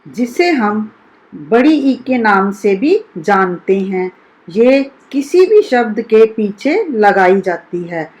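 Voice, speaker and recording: A woman teacher leads a recorded lesson for young pupils. Her voice sits a little high, and she talks at an unhurried pace. She breaks words into single syllables and says each one clearly and deliberately. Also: rough recording. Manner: slow, deliberate, sounds out each syllable for children. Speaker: school teacher. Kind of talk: recorded primary-school Hindi lesson.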